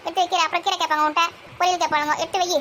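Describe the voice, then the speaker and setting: A woman, grumbling and gossiping loudly in a comic village sketch. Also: very high-pitched, fairly even intonation, very fast, a little hiss or hum. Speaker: comedy sketch performer.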